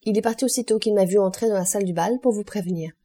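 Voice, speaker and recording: A woman's voice: mid-range voice, racing, warm tone, husky, natural voice. A woman voicing a formal, deferential male servant delivering a message, in an audiobook.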